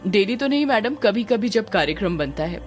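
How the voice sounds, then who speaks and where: A woman's voice: medium pitch, expressive, brisk, lightly acted. Woman doing a lovestruck village guy, chatty, teasing, faint music. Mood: joking. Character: joking lovestruck young village man.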